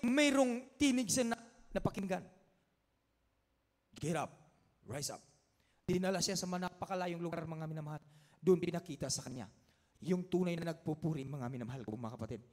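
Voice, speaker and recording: Man, preacher, very high voice, impassioned sermon, repetitive refrain, loud-to-hushed swings, long church-hall reverb.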